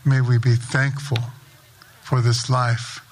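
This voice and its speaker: A man leading a sunrise ceremony outdoors, giving a spoken blessing in a slow, measured, invocational way. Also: medium pitch, flat delivery, slight background noise. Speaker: ceremony prayer leader.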